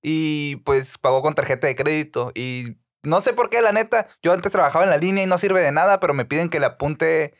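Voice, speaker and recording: A man's voice: fairly high pitch, lively intonation, brisk, hardly any pauses. A man co-hosting a comedic podcast, making dry, blunt jokes in casual chat. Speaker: podcast co-host.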